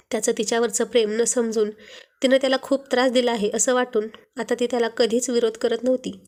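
A woman reads a romance story aloud in a soft, expressive way. Her voice sits fairly high, and the reading is calm and scripted.

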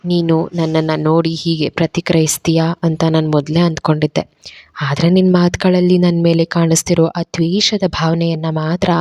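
A remorseful young lover speaks in a low, hushed, pleading voice, as a woman reader puts him on. The sound is dry and close. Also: no echo, natural voice. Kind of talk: dramatized story reading.

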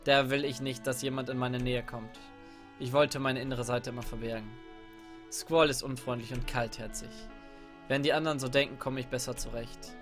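A man's voice: mid-range voice, steady tone, moderate pace, fairly bright tone, soft background music, natural voice. A man voicing an aloof young male mercenary leader, reading the game's subtitles aloud. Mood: guarded.

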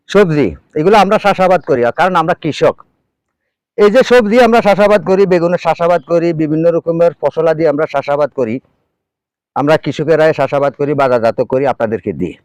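A middle-aged Bangladeshi farmer who presents farming videos gives viewers an earnest, emphatic, pleading advisory talk, repeating key phrases. His voice is on the high side and a little mellow, in a dry, low-quality recording.

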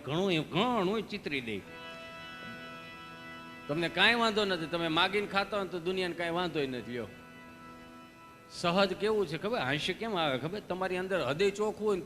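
A man's voice: high voice, fairly bright tone. A man doing live folk comedy on stage, telling folksy stories and acting out the dialogues. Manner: folksy storytelling, asks the audience questions, acts out dialogues. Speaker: stand-up comedian. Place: live stage show before an audience. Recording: stage hall reverb with faint music.

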